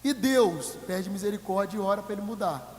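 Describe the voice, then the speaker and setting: A man with a Brazilian Portuguese accent preaching a sermon in a church, humorous, acting out voices of congregants, swinging from loud to quiet. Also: high voice, brisk, echoey room, long reverb tail. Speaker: pastor. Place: church hall.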